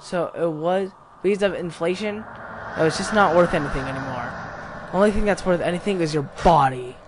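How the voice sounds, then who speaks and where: A man's voice: fairly high pitch, a little fast, background noise. A young man commenting on a horror game as he plays, reading its text aloud and yelping and cursing when startled. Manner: jumpy, yelps and curses when startled. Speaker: gameplay commentator.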